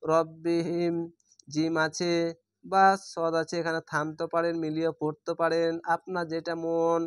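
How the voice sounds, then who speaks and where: A man with a Bangladeshi Bengali accent teaches recitation, spelling each syllable aloud in a slow, drawn-out way. His voice sits fairly high but stays flat and even, with a smooth, clean tone. The sound is close and dry, with no room echo.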